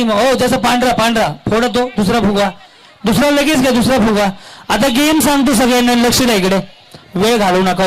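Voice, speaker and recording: A man's voice: extremely high pitch, poor audio. A man hosting a balloon game at a public event, teasing the crowd and repeating instructions. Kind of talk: lively crowd emcee patter. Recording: music loud behind PA voice.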